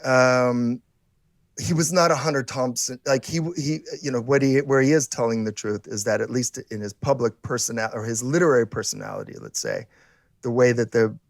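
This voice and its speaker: A man's voice: medium pitch, gravelly, no echo, studio quality. A man co-hosting a podcast, talking casually and rambling with many restarts and fillers. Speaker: podcast co-host. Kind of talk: casual conversation.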